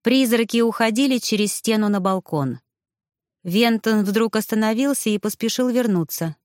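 A woman reading a story aloud as audiobook narrator, in an even, measured way. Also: fairly high pitch, no room sound, clean studio sound. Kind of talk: scripted narration.

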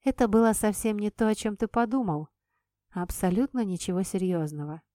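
A spirited young heroine with a quick, stubborn temper, her voice lifted above the reading tone, played by a woman narrator. She insists and argues in bright, emphatic bursts. The audiobook recording is dry and close. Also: dry recording, lightly acted. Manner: emphatic, higher and livelier than the narration. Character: impulsive, sharp-tongued young woman heroine. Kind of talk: audiobook character voicing.

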